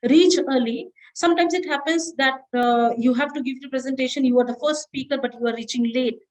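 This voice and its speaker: A woman teaches a class with a high, clear voice. She lectures in an instructive way, often checking in with "all right?" and slowing to stress the key words. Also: poor audio. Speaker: associate professor lecturing. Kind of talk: classroom lecture on presentation skills.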